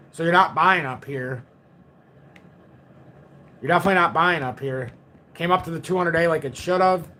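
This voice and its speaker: This crypto streamer, a man in his forties with a fairly bright voice that's fairly high for a man, casually analyzes market charts live. He reads and responds to viewer comments and tends to repeat himself. A faint noisy hum runs under his speech.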